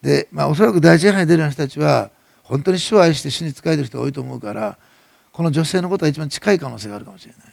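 A middle-aged male pastor with a Nagasaki dialect, preaching a sermon that swells loud and then drops soft. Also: fairly high pitch, lively intonation, very fast, vocal fry, no echo, studio quality.

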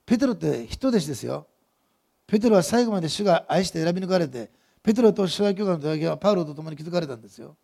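A man preaching with a husky, breathy voice that sits high for a man. He tells the scene like a lively story, turning to the congregation with questions. There is a gravelly fry in his tone. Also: fast talker. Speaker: pastor. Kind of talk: sermon.

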